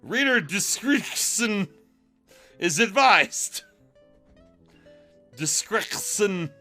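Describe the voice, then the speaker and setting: There is music behind this man as he reads fan fiction on a casual stream with dramatic mockery, giggles, and asides. He speaks extremely slowly in a high, very animated voice that is pushed and bright.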